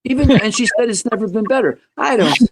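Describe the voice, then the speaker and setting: A man in his seventies, a guest musician telling stories in a podcast interview in an animated, joking way. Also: fast. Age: 70s. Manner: animated, joking, wide swings in pitch.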